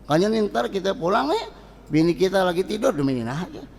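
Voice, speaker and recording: A middle-aged man with a Betawi Jakarta accent preaching a colloquial, animated sermon, often acting out quoted voices. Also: high-pitched, quick pace, vocal fry. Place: mosque. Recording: reverberant mosque hall.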